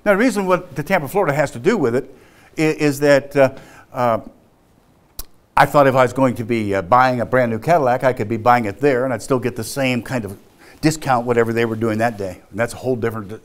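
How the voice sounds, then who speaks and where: Male business speaker, storytelling keynote, animated, halting, laughs often. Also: mid-range voice.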